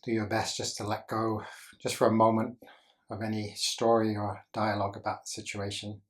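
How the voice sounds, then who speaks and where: A man guides a meditation in a low register, his intonation staying even all the way through. He instructs softly in the manner of a teacher, leaving measured pauses between his brief phrases.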